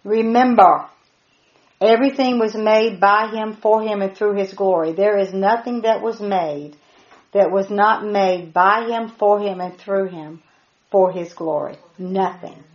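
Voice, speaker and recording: Middle aged woman teaching bible study, hammers words over and over, dull lo-fi sound. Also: mid-range voice. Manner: emphatic, repeats key words with slow stress. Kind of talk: Bible teaching to a small group. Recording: roomy, dull lo-fi recording.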